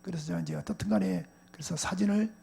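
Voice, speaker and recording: A middle-aged male pastor preaching a sermon, telling a personal story in a quiet voice and then breaking into loud, shouted exhortation. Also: fairly high pitch, huge pitch swings, fast. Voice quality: gravelly, husky voice.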